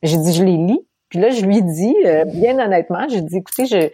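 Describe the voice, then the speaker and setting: A woman from Quebec with a Québécois accent, telling her story as an interview guest, animated and laughing often. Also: lowish voice, brisk, slightly rough. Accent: Québécois French. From Quebec, Canada.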